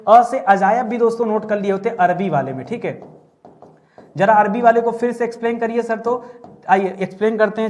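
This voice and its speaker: High-voiced man teaching Hindi grammar. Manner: lively, drills words by repetition, jokes with students. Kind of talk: online class lecture.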